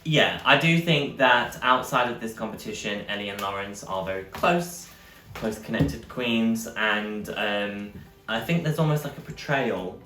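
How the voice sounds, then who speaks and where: A man's voice: lowish voice, a little slow, pushed and bright. A man co-hosting a casual review chat, agreeable and full of fillers. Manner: agreeable, many fillers and backchannels. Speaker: podcast co-host. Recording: echoey room, distant mic, faint music.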